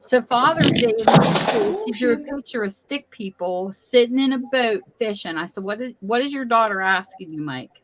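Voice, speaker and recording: A middle-aged woman hosting a casual chat, telling animated family stories. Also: on the high side, normal speed, few pauses, slight background noise, poor audio. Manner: chatty, animated storytelling. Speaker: host.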